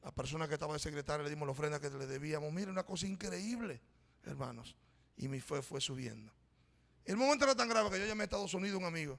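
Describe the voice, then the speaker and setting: A middle-aged man talks fast in a slightly high, creaky, somewhat bright voice while preaching as a pastor. Inside a reverberant church hall, he relates a personal story in a conversational style and refers to the congregation as brothers.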